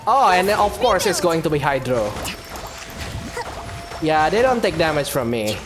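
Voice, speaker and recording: A man's voice: a little high, very animated, unhurried. Chatty man commenting on gameplay. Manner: chatty, reactive, groans and laughs at the game. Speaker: gaming youtuber. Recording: game music under the voice.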